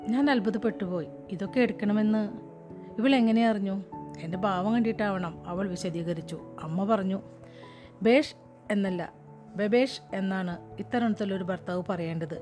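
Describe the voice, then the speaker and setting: A woman's voice: medium pitch, moderate pace. Woman reading a story over music. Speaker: story reader. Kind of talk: scripted narration of a short story. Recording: music playing behind.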